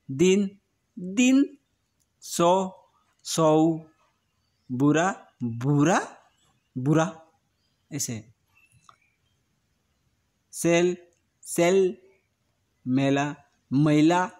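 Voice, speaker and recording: A man teaching a grammar lesson to young children, patient and repetitive, often asking whether it is clear. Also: a little high. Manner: slow and patient, often repeating words and asking if it is understood.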